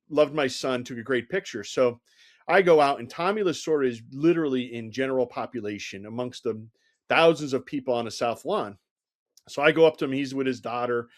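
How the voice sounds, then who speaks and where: A middle-aged man, a former Secret Service agent, telling stories as a guest in a conversational interview, leaning on "you know" and acting out the dialogue. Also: mid-range voice. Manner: animated anecdotal telling, heavy use of "you know", acts out quoted dialogue.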